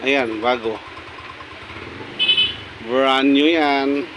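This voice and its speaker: A man's voice: medium pitch, steady tone, very slow, lo-fi sound, noisy background. Man narrating a repair at his bench. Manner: talks while working, many short pointing remarks. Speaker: repair technician. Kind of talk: casual repair walkthrough. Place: workshop bench.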